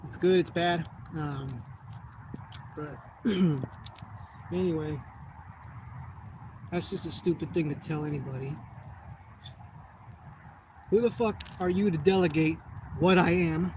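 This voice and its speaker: Speaking slowly and pausing frequently, a young American man vlogs in an offhand monologue full of profanity, rambling as he loses track of his thoughts. His voice is a little high, and there's noise in the background.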